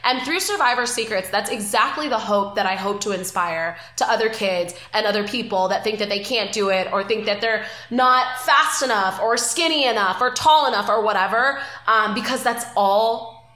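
A young woman, a guest on an interview show, telling emotional stories in a lively, animated way and acting out what people said. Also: medium pitch, normal speed, echoey room. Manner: emotional, animated storyteller, acts out quotes. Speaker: guest, former reality show contestant. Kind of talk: casual interview chat.

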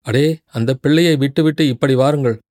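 A man voicing a stern middle-aged male fort commander who is quick-tempered yet coaxing, speaking with a commanding tone in a storybook reading. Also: medium pitch, dry recording, studio quality, close to an everyday voice. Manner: commanding, alternating between scolding and calm.

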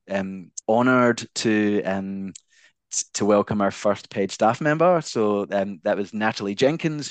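A man from Glasgow with a softened Scottish accent, answering interview questions conversationally in a hesitant way with careful enunciation. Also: lowish voice, no room sound. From Glasgow, Scotland. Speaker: founder of a not-for-profit, interview guest.

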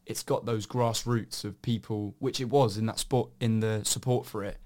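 A man's voice: lowish voice, fairly even intonation, normal speed, darkish tone. A man talking through ideas as a podcast co-host. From Somerset, southern England. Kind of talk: discursive discussion.

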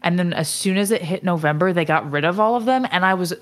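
Low-voiced chatty woman podcast host. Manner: chatty, quick bursts with laughter, many "like" fillers. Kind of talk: casual chat.

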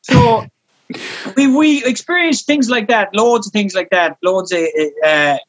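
A man's voice: high-pitched, big pitch swings, moderate pace, fairly bright tone, lo-fi sound. A man with a west of Ireland accent telling casual anecdotes as a guest, rambling and repeating himself, with some swearing. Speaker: podcast guest, comedy actor.

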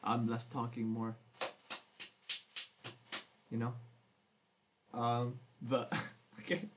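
A man's voice: mid-range voice, monotone, very slow, soft background music. A young man co-hosting a casual podcast chat, playful and teasing, swearing often. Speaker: podcast co-host.

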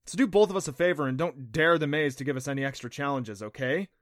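A man's voice: a little high, quick pace, no echo, clean studio sound, natural voice. A man voicing a sarcastic, stubborn preteen boy in an audiobook, with a wry, teasing delivery.

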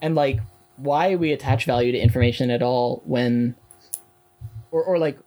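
Young man, casual discussion, halting delivery full of fillers. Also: mid-range voice, a little mellow, rough recording. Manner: halting, many fillers and restarts. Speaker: student in a class discussion.

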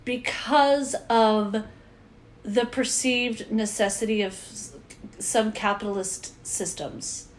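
A woman's voice: fairly high pitch, takes it slowly. A woman co-hosting a casual chat, joking and self-deprecating as she talks. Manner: jokey, animated, self-deprecating.

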